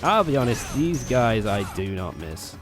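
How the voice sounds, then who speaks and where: This young let's play host has a mid-range voice and is very animated without rushing, giving casual, rambling commentary full of swearing while recovering from a cold. Game music blares loudly behind him.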